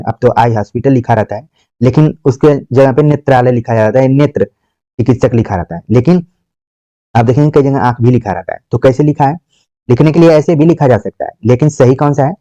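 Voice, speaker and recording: Guy teaching grammar, slow patient explaining, dark tone, dull dry sound. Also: medium pitch, no echo. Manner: explains patiently, repeats words slowly and asks rhetorical questions. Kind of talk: exam-prep grammar lesson. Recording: dull, muffled dry recording.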